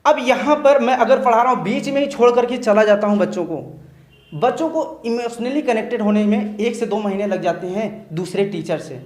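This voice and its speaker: A man's voice: high-pitched, moderate pace, echoey room. A man who is a teacher giving his earnest opinion in a discussion, often checking in with listeners as he talks. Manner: earnest, repeats "theek hai" as a check-in.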